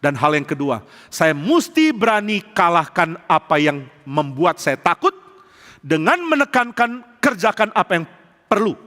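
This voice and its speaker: Man preaching in a big church, fairly high bright voice, long echo, jokey stories. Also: sing-song, unhurried. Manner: humorous storytelling with acted quotes. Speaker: pastor. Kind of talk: sermon. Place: large church hall. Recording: long hall reverb.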